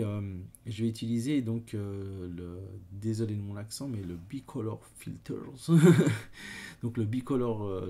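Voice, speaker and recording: A man with a Swiss French accent talks through a photo editing tutorial, stopping often on fillers as he clicks along. His voice sits low and gravelly, with a dark, husky tone. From Switzerland. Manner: hesitant, many fillers, talks while working. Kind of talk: screen-recorded software tutorial.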